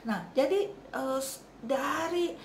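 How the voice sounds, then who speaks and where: Woman Bible teacher, chatty and informal with children, slightly high voice, echoey room recording. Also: takes it slowly, gravelly, a little hiss or hum. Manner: chatty, repeats "ya" and "begitu ya" often, laughs. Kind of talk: casual Bible lesson for children.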